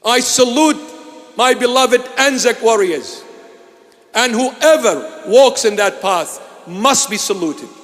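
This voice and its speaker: A man from Iraq gives a sermon as a bishop, his voice high and his delivery slow and deliberate. He hammers home repeated phrases, now and then rising to a shout. A long reverb trails each word through a large church hall. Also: animated. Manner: emphatic and repetitive, bursts into shouts.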